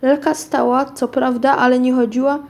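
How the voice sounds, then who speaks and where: A woman's voice: high-pitched, flat delivery, normal speed. A woman reading a children's story aloud in an unpolished way, often stumbling and restarting words. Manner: unpolished reading with frequent restarts and self-corrections.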